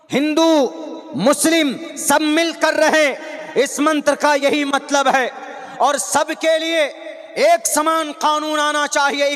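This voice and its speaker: High-voiced man preaching in an echoing hall. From India. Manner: declaiming, drawn-out scripture recitation, shouting at peaks. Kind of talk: impassioned public speech. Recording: long hall reverb.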